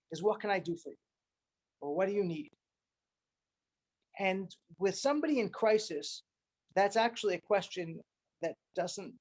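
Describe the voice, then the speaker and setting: A middle-aged man giving an informal training talk to fellow emissaries, earnest, repeating words for emphasis and using Hebrew and Yiddish terms. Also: high voice. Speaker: rabbi addressing fellow Chabad emissaries.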